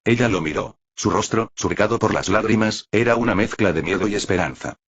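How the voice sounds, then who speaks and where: A man narrating an audiobook in an even, dramatic storytelling manner. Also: fairly low pitch, a little fast, breathy edge, highs cut off.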